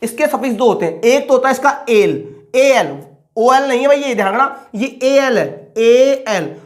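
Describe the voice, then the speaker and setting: A male chemistry teacher giving an online lecture in casual Hindi. He asks a question, answers it himself, and repeats the key terms, slowing down to spell out each formula. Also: very high-pitched, animated. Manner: slows right down to spell out formulas.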